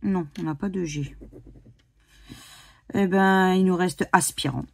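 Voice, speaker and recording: French woman, slow husky scratch-card commentary, spells letters aloud. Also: lowish voice, dry recording. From France. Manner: spells out letters one by one, muttering and hesitant. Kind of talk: casual commentary while playing scratch cards.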